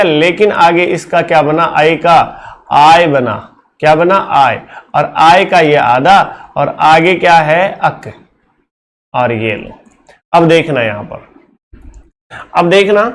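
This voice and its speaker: A male teacher giving a classroom lecture, explaining step by step and asking his students question after question. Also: on the high side.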